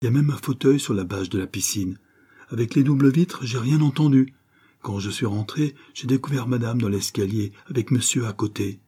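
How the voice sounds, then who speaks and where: A man's voice: medium pitch, a little fast, dark tone, husky, close to an everyday voice. A man doing a plain-spoken housekeeper woman. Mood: recounting.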